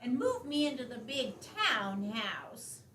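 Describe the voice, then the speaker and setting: Woman acting a slow, high-voiced feeble old granny. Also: sing-song, fairly bright tone, slight background noise, exaggerated voice. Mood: chatty, wry. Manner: folksy, complaining, drawn-out delivery. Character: feeble, indignant 86-year-old farm widow grandmother, folksy and chatty. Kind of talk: stage play monologue. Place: theater stage, distant mic. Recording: echoey stage from far off, background music.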